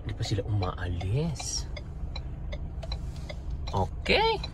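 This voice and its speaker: A hoarse man chats his way through a street vlog, slow-paced yet wildly animated in pitch. His tone is bright and he throws in constant exclamations and questioning asides. Faint traffic hums in the background. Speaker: vlogger. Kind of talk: casual street vlog chatter.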